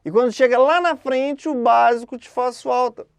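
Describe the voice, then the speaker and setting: A woman teaching an exam-prep grammar lesson in a conversational way, often checking in with quick questions. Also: sits high, gravelly, clear, resonant tone, no room sound.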